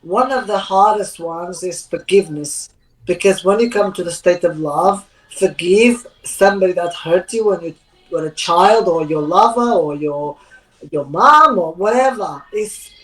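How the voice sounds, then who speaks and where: A woman's voice: mid-range voice, unhurried, low-quality recording. A woman co-hosting a live spiritual question-and-answer show, talking in an earnest, rambling way with loose, non-native grammar. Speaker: co-host.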